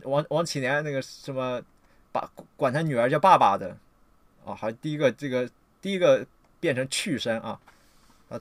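A man giving a ranting livestream lecture, scolding his audience and swearing often, jumping between loud outbursts and low muttering. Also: no echo. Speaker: livestream lecturer on political theory.

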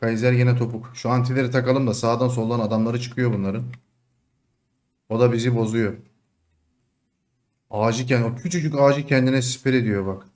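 A young man commentating his own online game match, excitable, taunting opponents with sudden shouts and dropping to low mutters. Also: moderate pace, pauses often. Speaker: gaming streamer. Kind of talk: live gameplay commentary.

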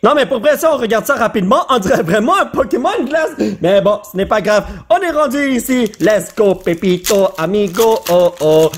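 A man with a Quebec French accent talks in a high, slightly husky voice. He gets excited and jokes as he comments on opening card packs, and mixes in English slang. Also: normal speed, hardly any pauses. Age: adult father. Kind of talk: casual pack-opening commentary.

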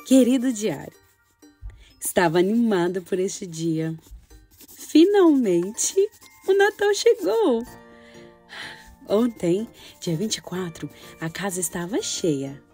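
A dreamy, wide-eyed little girl acted by a woman confides in her diary in a children's story. She speaks slowly and softly, excitable and sentimental, with a very lively melody. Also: medium pitch, breathy edge, soft background music, heavily acted. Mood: delighted. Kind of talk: first-person children's story reading.

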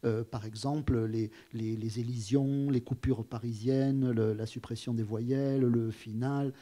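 A man's voice: medium pitch, steady tone, a little slow, warm tone. A man hosting a live stage conversation, speaking thoughtfully with many restarts and putting questions to his guest. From France. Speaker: host of a public talk. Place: auditorium.

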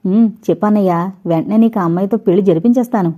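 A woman's voice: medium pitch, fast, warm tone, lightly acted. A woman voicing a playful, scheming young man who teases and boasts, in an audiobook reading. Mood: boastful.

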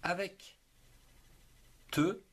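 A man teaching reading and writing, spelling words letter by letter and splitting them into syllables in a deliberate teacherly way. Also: a little hiss or hum. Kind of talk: slow spelling and syllable lesson.

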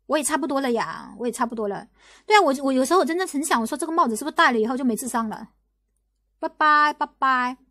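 A young livestream host from Guangdong, China, delivers casual commentary in rapid, tumbling bursts, arguing insistently with lots of restarts. She repeats the same rhetorical questions over and over. Her high, pushed, bright voice has lively intonation, and the close, dry sound has no room echo.

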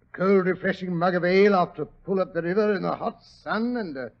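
An actor plays a genial, stout older British married man who grumbles and loves his comfort, huffing and stammering in the style of 1940s radio. The voice is high-pitched and fairly quick, with a genial, reminiscing mood. It comes through as a dull, muffled old radio recording.

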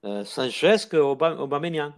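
Older man, Marseille accent, fairly high voice, fervent, repeats his points. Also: lively intonation, moderate pace. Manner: passionate, emphatic, repeats himself. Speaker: football supporter. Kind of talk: casual chat.

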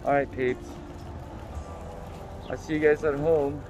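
The Guam vlogger chats his way through the flea market, self-amused and addressing his "peeps," as loud music plays outdoors. Here his voice is on the high side, level in tone, and slow.

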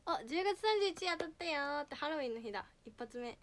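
An expressive teen idol speaks a little fast in a high-pitched, slightly nasal voice. Chatting casually on a livestream, she reads viewer names and greets people brightly.

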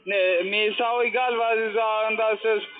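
It's the same kind of insistent, high-voiced man on a tinny phone line, pushing a sales argument with questions and non-native phrasing. He keeps a steady tone at normal speed while a noisy office crowd, loud chatter and music carry on around him.

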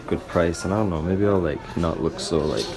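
Crowd noise surrounds a young adult vlogger with a deep, creaky voice and a moderate pace. He chats casually to a camera or phone at arm's length, moving from a parked car to a small store fitting room, his loose, slangy rambling dotted with "like."

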